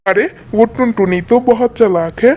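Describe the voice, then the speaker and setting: A man's voice: high-pitched, moderate pace, darkish tone. A man voicing a sly, jealous male crow in a cartoon story, with a whiny, scheming way of talking. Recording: echoey roomy recording.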